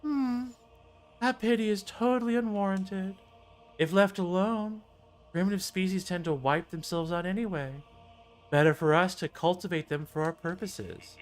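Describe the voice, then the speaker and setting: A man's voice: high voice, fairly even intonation, moderate pace, voice pushed up, close to an everyday voice. A man voicing a haughty, cold old male elder from a video game, condescending and imperious. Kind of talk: video game character dialogue read aloud.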